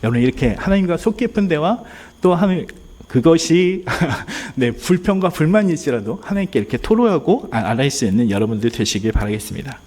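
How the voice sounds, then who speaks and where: A man's voice: on the high side, big pitch swings, brisk, a little mellow. Earnest male pastor preaching. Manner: earnest, addresses congregation directly, acts out pleading prayers. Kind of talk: sermon. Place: church sanctuary.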